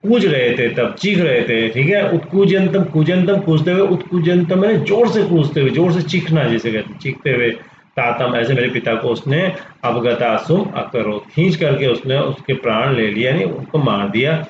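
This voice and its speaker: A male teacher explains a text word by word in a slow, deliberate way, repeating each term before glossing it. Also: mid-range voice, animated, a little hiss or hum. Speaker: Sanskrit teacher. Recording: roomy, slightly dull recording.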